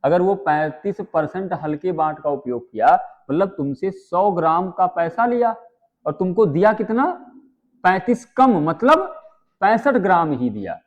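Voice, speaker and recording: Male maths tutor, high voice, muffled lo-fi audio, chatty and quizzing. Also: animated. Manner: chatty, asks students quick questions. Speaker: maths teacher. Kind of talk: live online exam-prep class.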